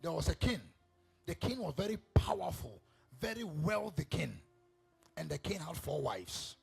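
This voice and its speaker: Male preacher, raspy and gravelly, lively pitch, soft music behind. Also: normal speed. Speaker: apostle preacher. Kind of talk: sermon storytelling.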